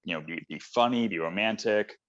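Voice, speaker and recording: A man co-hosts a casual film chat, full of enthusiasm, rambling along with fillers. His voice sits fairly low. The audio is dull and lo-fi. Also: a little fast, fairly bright tone. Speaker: podcast co-host. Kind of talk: casual chat about films.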